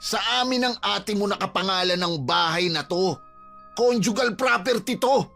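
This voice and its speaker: An actor playing a callous, scheming brother-in-law who talks in a mocking, dismissive way. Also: male voice, high-pitched, moderate pace, gravelly, sharp tone, faint music behind, full character voice.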